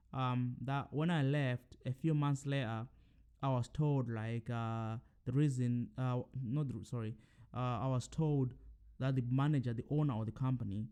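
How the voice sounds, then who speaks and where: This casual solo podcast chat comes from a young host born in Zimbabwe, whose medium-pitched voice sounds smooth and mellow. His talk wanders, full of fillers and rapid corrections as he starts over.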